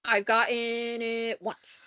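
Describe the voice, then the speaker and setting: Bright, blunt young woman teasing. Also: fairly high pitch, flat delivery, slow pace, smooth, no room sound, lo-fi sound. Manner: blunt, teasing, swears casually. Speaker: podcast co-host and editor. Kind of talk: casual chat.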